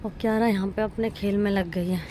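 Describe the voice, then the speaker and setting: A vlogging mother with a medium-pitched, warm, steady voice speaks briskly to her viewers, with slight background noise. She's shooting a casual family vlog on a handheld phone camera, starting at home and later moving to the rooftop.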